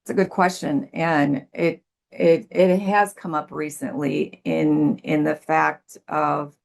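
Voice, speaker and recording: A life coach in her sixties, a guest on a podcast, gives thoughtful, reflective answers over a video call, earnest and repeating words as she searches for them. Her low voice is creaky, slow and flatly delivered.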